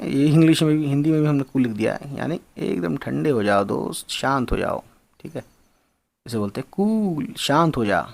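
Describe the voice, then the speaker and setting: A man's voice: mid-range voice, vocal fry. Guy explaining english slang casually, spells stuff out, says things twice, talks to viewers like friends. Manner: spells words out and repeats phrases, addresses viewers as friends. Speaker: English teacher.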